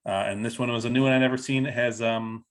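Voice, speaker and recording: A man's voice: mid-range voice, steady tone, fast. A man co-hosting a casual podcast, explaining things at length with plenty of fillers and restarts. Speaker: podcast co-host. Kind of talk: casual chat.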